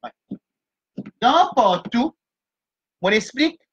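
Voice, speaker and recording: A woman teaching Quran reading in a live class. She explains the letters step by step and chants verses slowly. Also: fairly high pitch, sing-song, breathy edge, dull audio.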